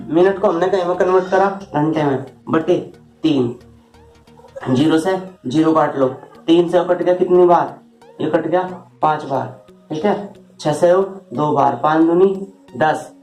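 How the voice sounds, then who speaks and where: A man's voice: on the high side, a little mellow. Man teaching math in an echoey room. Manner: informal, often calls students "brother" and asks rhetorical questions. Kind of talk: board lesson explaining shortcuts.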